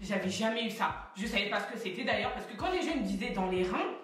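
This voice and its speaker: A woman's voice: medium pitch, lively intonation, fast talker, recorded from a distance. A young woman telling a story casually and animatedly, acting out the dialogue with plenty of slang. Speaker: vlogger telling her birth story. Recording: echoey room, voice from off-mic.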